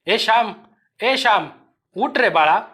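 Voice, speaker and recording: A grief-stricken young village mother pleads through tears in a high, raised voice, as a male storyteller voices her. She is an audio-story character, desperate and tender. The voice rises above the narration. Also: moderate pace, a bit bright.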